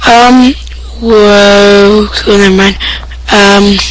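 A woman hosting an amateur podcast with a hoarse, scratchy voice, rambling and offhand as she chats and reads out items. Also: mid-range voice, steady tone, drawn-out words. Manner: rambling, offhand, self-interrupting. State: hoarse voice, clearing throat. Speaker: podcast host. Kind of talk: casual amateur podcast talk, part reading news items.

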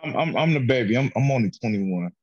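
A man's voice: medium pitch, animated, fast, highs cut off. A man in his thirties joking around as a podcast guest over a video call, stammering as he restarts his sentences. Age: 30s. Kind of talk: casual chat.

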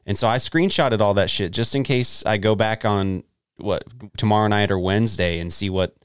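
A man co-hosting a podcast, rambling loosely and swearing now and then. His voice sits low, with a smooth, resonant tone on a dry, close mic. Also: normal speed, dry recording. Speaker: podcast co-host. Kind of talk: casual chat.

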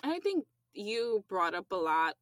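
A woman hosting a conversation, calm and reflective as she responds to her guest. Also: mid-range voice, measured pace, no echo.

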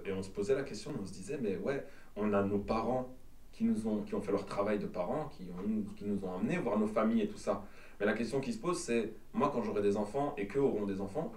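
A man's voice: fairly low pitch, a little mellow, recorded from a distance. Host, man, casual rambling chat, restarts a lot, echoey room, sits back from the mic. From Belgium. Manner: rambling, repeats words while searching for them. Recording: roomy sound from off-mic.

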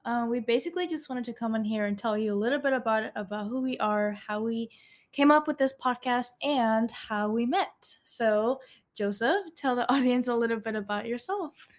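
A woman's voice: on the high side, normal speed. A woman in her twenties from Central America hosting a casual podcast, chatty and reading from a script with many ums and laughs. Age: 20s. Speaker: podcast host.

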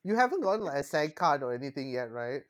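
A woman's voice: a bass voice, very animated, quick pace. A woman with a Malaysian accent, a podcast co-host chatting casually in colloquial Singlish-like English. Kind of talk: casual chat.

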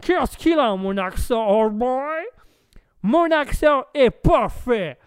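Man voicing a rowdy tipsy American, high and booming, crisp dry sound. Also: animated, slow pace, dry recording, exaggerated voice. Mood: boisterous tipsy. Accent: fake American accent in French. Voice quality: boisterous, says "old boy". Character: loud tipsy American man pushing champagne.

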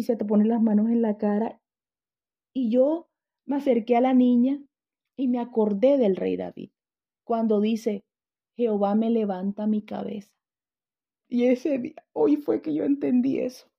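Gravelly-voiced woman teaching a Bible lesson. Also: fairly high pitch, unhurried, long pauses, dull audio. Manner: questioning the class, storytelling.

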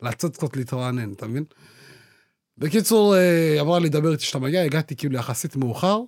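A young man co-hosting a podcast, telling animated stories in casual slang. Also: a little high, no echo, studio quality. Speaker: podcast co-host. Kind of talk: casual chat.

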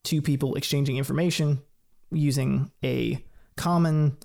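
A man explaining ideas in a relaxed, casual chat, thinking aloud with light laughs. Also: medium pitch, a little slow, creaky.

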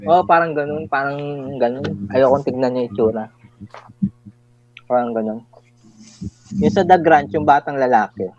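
A man as a guest on a casual podcast chat, talking haltingly and repeating his phrases. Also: mid-range voice, a little mellow, highs cut off. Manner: halting, repeats himself, "parang ganun".

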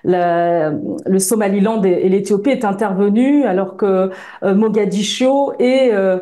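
Mellow-voiced woman hosting a debate. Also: medium pitch. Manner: measured, poses questions to guests. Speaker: host. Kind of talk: debate moderation.

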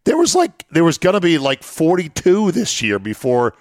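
A man's voice: on the high side, huge pitch swings, normal speed, dry recording, clean studio sound. A middle-aged man hosting casual sports talk, explaining things in short, listed phrases.

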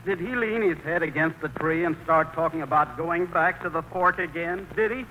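In a 1940s radio acting style, an actor plays a timid, hesitant grown son tied to his mother, sounding anxious and whiny as he stammers bashfully. His voice is fairly high, bright and forceful, at normal speed. It's a noisy old radio broadcast recording.

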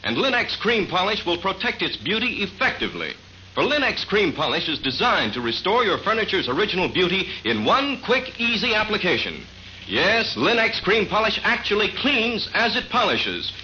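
A man's voice: sits high, pushed and bright. A man reading a scripted, chipper 1950s radio advertisement with polished, emphatic salesmanship. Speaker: radio announcer reading sponsor ad. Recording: muffled vintage radio recording, faint noise.

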